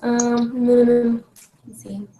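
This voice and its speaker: Teen girl, hesitant discussion leader, slightly high voice, noisy video-call line. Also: level tone, drawn-out words, mellow. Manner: hesitant, lots of fillers. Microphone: laptop on a video call.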